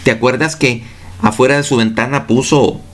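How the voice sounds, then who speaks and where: A man's voice: mid-range voice, fairly even intonation, normal speed. A male pastor preaching a sermon, reading scripture aloud and putting rhetorical questions straight to his congregation. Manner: addresses listeners directly and reads scripture aloud.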